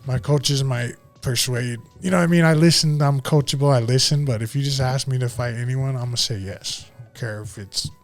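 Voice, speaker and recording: Brisk, medium-pitched and barely pausing, an MMA fighter from Utah in his late thirties chats as a podcast guest, slangy and cursing without restraint. Faint music plays in the background.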